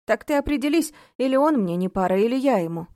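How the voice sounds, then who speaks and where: A woman's voice: mid-range voice, a little fast, dark tone, no room sound, studio quality, natural voice. A woman reading the lines of a hurt, withdrawn young woman who pleads and defends herself in an audiobook. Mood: defensive.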